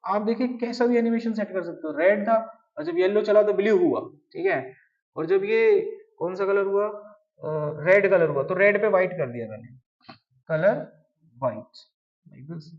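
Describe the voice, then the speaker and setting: A man's voice: high voice, a little slow. A man teaching web design step by step in a conversational tone, often asking his students questions. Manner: conversational, asks the class questions. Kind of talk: live coding tutorial. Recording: distant mic, dull lo-fi sound.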